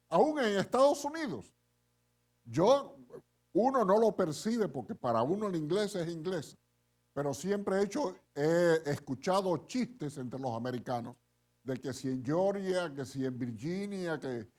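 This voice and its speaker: A middle-aged man preaching a sermon as pastor. He retells the story in an animated way and often checks in with listeners with a quick "eh?". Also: a little high.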